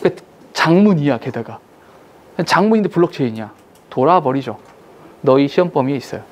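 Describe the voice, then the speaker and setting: Guy teaching english at a cram school, super lively voice, joking around and slangy, keeps asking okay. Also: fairly high pitch, fairly quick, slight background noise. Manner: playful, slangy, acts out little skits with students; checks in with students constantly. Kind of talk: lecture to high school students.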